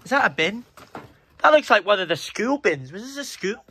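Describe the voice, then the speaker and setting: A man's voice: sits high, sing-song, moderate pace, pushed and bright, breathy edge. A young man giving a nervous walking commentary as he explores an abandoned building, talking to himself into a handheld phone. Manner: jumpy, muttering to himself, easily spooked. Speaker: urban explorer vlogger. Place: outdoors and in a derelict building.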